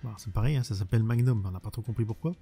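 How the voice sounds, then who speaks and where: A man's voice: lowish voice, rapid-fire, creaky, mellow, slightly rough, faint music behind. A man chatting bluntly in a casual vlog, rambling and restarting as he answers viewer questions. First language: French.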